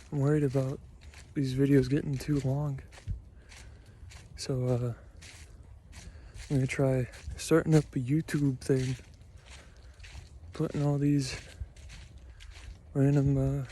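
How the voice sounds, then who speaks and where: Slow-talking tired young Minnesotan man. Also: on the high side, mellow, a little hiss or hum. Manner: rambling, swears a lot, filler-heavy, self-deprecating. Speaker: vlogger. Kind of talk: casual rambling vlog. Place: outdoors in a cold park.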